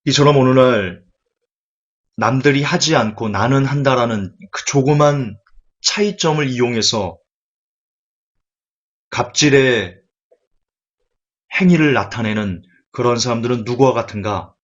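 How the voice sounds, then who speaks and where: Male preacher, mid pitch, emphatic sermon delivery, lo-fi sound. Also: unhurried, long pauses. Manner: emphatic, rhetorical questions.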